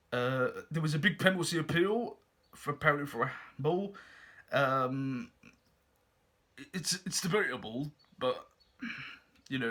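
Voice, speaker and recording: Male football fan vlogger, bright forward voice, earnest and slightly halting in an off-the-cuff match review. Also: medium pitch, husky. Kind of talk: unscripted match review to viewers.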